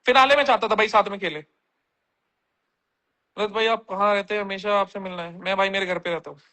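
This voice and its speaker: A man's voice: high voice, steady tone, brisk, bright, forceful tone. A man on a casual livestream, reading viewer comments aloud and answering them bluntly with plenty of slang.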